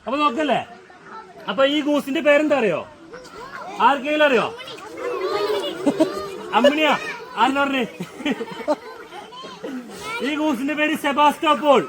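A man's voice: very high-pitched, unhurried, pauses often. A man working as a farm guide, giving a playful outdoor class to schoolchildren and quizzing them with questions, raising his voice to be heard. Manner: raises voice to be heard over the children. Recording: loud crowd of children and outdoor noise. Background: loud chatter of many children outdoors.

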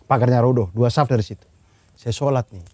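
A man's voice: mid-range voice, brisk, a little mellow, dry recording. Earnest Indonesian man telling a story. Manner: earnest storyteller, acts out the scream he heard. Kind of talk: casual chat, telling a story.

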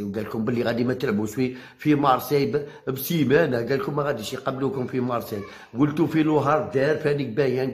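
A man's voice: mid-range voice, reverberant. A man with an Algerian Arabic accent giving a heated monologue to his viewers, combative and repeating his phrases to challenge listeners. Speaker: football commentator vlogger.

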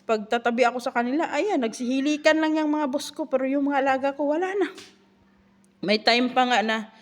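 A woman, a live-in nanny, chatting in a casual vlog with rhetorical asides and animated storytelling. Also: sits high, brisk.

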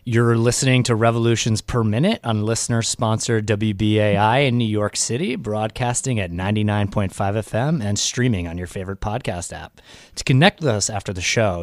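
A young man with a fairly low voice hosts a radio interview from a small studio. He talks casually, with plenty of fillers, close to a studio microphone. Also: normal speed. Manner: casual, filler-heavy questions. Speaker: radio show host. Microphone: studio mic with headphones.

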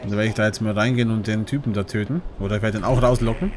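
A man doing let's play commentary on a game, excitable, yelping when startled and chatting to his viewers in between. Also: lowish voice, very fast, noisy background. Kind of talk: gaming commentary.

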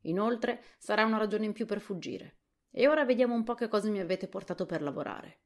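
A woman voicing a practical, matter-of-fact male tin woodman in a soft whispered role-play audiobook. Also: mid-range voice, animated, brisk, voice pushed up, lightly acted.

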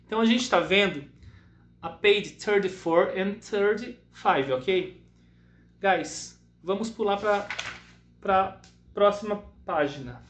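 A man from Brazil, teaching English to children and repeating each word slowly for them to echo. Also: high-pitched, a bit bright, a little hiss or hum. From southern Brazil. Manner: slow repeated English words for pupils to echo. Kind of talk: bilingual online class for children.

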